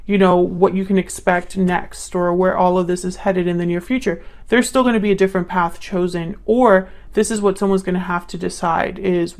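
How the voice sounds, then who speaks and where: Gravelly-voiced woman reading tarot. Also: fairly low pitch. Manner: musing, thinks aloud while pulling cards. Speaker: tarot reader.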